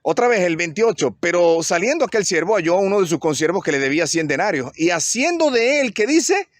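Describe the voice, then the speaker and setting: A man, a pastor giving an animated sermon who keeps putting questions to the congregation. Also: high voice, fairly quick, no echo.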